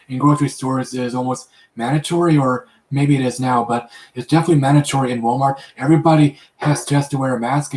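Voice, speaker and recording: A man chats casually on a live stream, and he keeps restarting his sentences with repeated words and lots of ums. His pitch sits in the middle for a man. The sound has a roomy echo. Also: a little mellow. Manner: halting, many repetitions and fillers. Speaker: live chat host. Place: his room.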